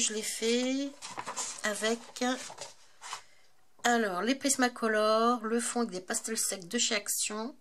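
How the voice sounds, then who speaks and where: A woman's voice: on the high side, a bit bright. A woman chatting casually to her viewers about craft supplies. She talks in a loose, hesitant way and often stops on fillers. A faint hiss sits behind her voice. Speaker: craft vlogger. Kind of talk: casual show-and-tell chat.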